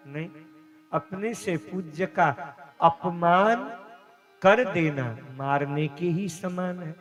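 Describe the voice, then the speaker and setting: Slow, emotive male preacher in a ringing hall. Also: on the high side. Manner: dramatic, emotive storytelling with long pauses and swells. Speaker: katha preacher. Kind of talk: devotional scripture storytelling sermon. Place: live religious gathering. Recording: long hall reverb with faint instrumental music.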